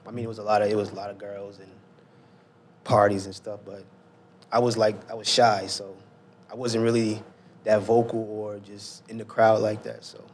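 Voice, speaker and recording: A man in his thirties from Newark, talking in a halting, soft-spoken way as a guest on a casual chat podcast, often trailing off quietly. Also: lowish voice, level tone, a little hiss or hum. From Newark, New Jersey. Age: 30s. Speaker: guest designer.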